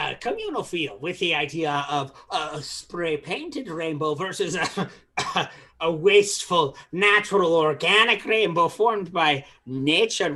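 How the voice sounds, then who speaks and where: Cheeky lil leprechaun, a woman putting it on, fake irish accent, slow and bright. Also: lowish voice, voice pushed down, exaggerated voice. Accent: put-on Irish.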